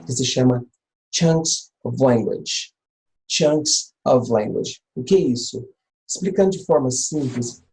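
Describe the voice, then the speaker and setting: Brazilian male language teacher, relaxed dark tone, patient, explanatory online lesson. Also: medium pitch, poor audio. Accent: Brazilian Portuguese. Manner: patient, repeats key points.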